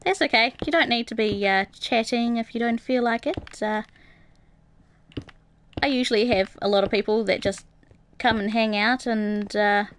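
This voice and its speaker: A woman's voice: fairly high pitch, normal speed, slight background noise. A young woman streaming a game, chatting casually with viewers and reading their comments aloud, with plenty of ums and uhs. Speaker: gaming livestreamer. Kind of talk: casual live-stream chat while playing.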